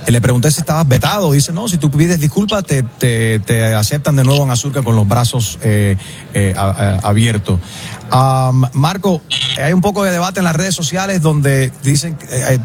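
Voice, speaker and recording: A man's voice: fairly high pitch, darkish tone, slight background noise. A man hosting an interview, chatty and joking, often stumbling over his words. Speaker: interview host. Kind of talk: casual interview chat.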